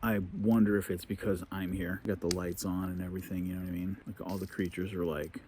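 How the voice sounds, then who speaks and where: A man with a deep, low voice and a level tone narrates his solo camping vlog, musing casually and unhurriedly as though talking to himself. He records outdoors at a woodland campsite and inside his tent, with light ambient noise in the background.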